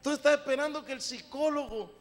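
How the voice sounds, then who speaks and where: A man preaching a sermon, theatrical, swinging from shouts to mocking asides. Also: extremely high pitch, a little fast. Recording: long hall reverb with loud music. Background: music.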